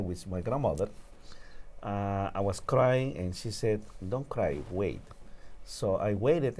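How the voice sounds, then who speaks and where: A man's voice: deep voice, warm tone, a little hiss or hum. A man from Peru with a Peruvian Spanish accent, telling a personal story earnestly as a talk show guest.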